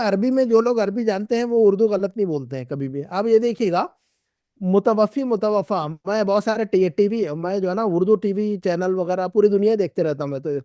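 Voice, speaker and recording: Patient male Arabic teacher, bright-toned. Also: high-pitched, dry recording, clean studio sound. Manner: patient, repeats and drills words. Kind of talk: classroom lesson.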